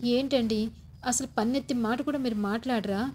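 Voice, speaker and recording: A woman's voice: a little high, brisk, background noise, lightly acted. A woman voicing a hurt young daughter-in-law who pleads and complains about unfair blame. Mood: aggrieved.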